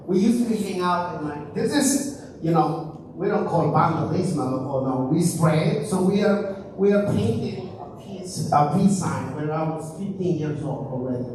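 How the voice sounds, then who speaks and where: A man's voice: fairly high pitch, noisy background. A young man from Ecuador with an Ecuadorian Spanish accent, talking casually to a school audience and asking them questions. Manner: chatty, asks the audience questions. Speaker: presenter. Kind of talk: casual talk. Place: school auditorium. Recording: very echoey hall, mic far off.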